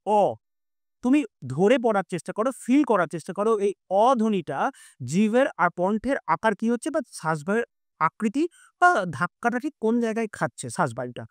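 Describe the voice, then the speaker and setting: A man teaches an online class in a fairly high voice, going point by point and often restating or correcting himself. He sounds out vowels for his students. The sound is dry and close, with no room around it. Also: very animated, brisk, no echo. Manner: explains step by step, repeats and self-corrects. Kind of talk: online live class lecture.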